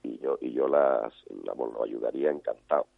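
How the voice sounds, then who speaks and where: A man's voice: a bass voice, steady tone, brisk, gravelly, a crowd in the background. A man, a cattle breeder answering interview questions hesitantly, often repeating words. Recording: dry, phone-like line.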